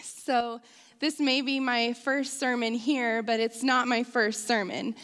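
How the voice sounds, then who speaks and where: A young woman delivers a sermon at an unhurried pace, her voice sitting a little high. She speaks earnestly, with a gentle, self-deprecating humor. Her words carry a long reverb through a church sanctuary. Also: steady tone. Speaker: interim women's ministries director, preacher.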